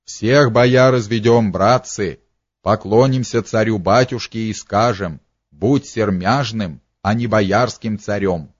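A man reading aloud, voicing a burly male rioter leading a mob, shouting slogans to the crowd. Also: on the low side, slow pace, no room sound, muffled recording. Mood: rousing. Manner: rabble-rousing, shouting to a mob.

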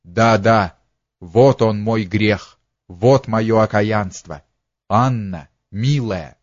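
A remorseful young prince, as a male storyteller puts him on, pleading in slow, heavy phrases. The voice is low and unhurried, in a dry, slightly dull lo-fi recording. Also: dry recording.

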